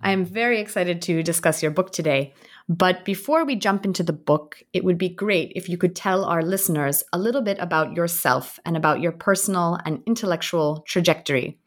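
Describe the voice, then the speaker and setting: Measured woman hosting an academic podcast. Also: lowish voice. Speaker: podcast host. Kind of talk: academic interview.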